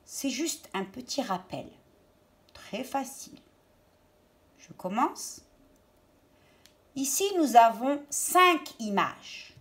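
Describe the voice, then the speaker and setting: Woman teacher, talks real slow to little kids, lively up-and-down voice. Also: a little high. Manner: slow, deliberate, stresses and repeats words for children. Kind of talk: children's reading lesson.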